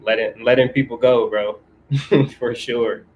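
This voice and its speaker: A man's voice: mid-range voice, fairly even intonation, measured pace, darkish tone, highs cut off, a little hiss or hum. A man from California in casual livestream chat, laid-back and slangy, reading viewer comments aloud and answering them. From California, USA.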